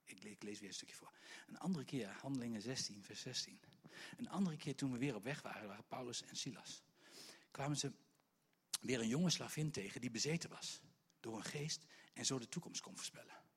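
A male preacher, telling a story in a lively sermon and swinging between hushed and loud delivery with stammering restarts. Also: medium pitch, a little fast, husky.

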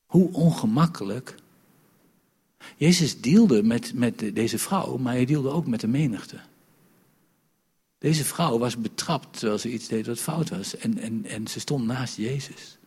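A man preaching a lively sermon in a church, joking with the congregation and moving between loud and soft delivery. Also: medium pitch, measured pace. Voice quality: very husky.

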